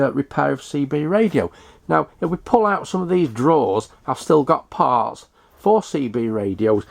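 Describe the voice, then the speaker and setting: In a gravelly, mid-range voice with a darkish tone, a middle-aged British hobbyist presents his radio repairs on video. The show-and-tell is unscripted and matter-of-fact, with some hesitation.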